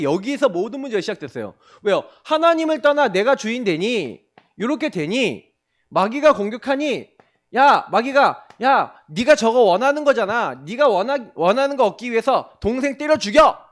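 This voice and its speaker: A male pastor preaching to young people, asking the congregation questions and answering them himself. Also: high-pitched. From South Korea. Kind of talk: sermon to youth.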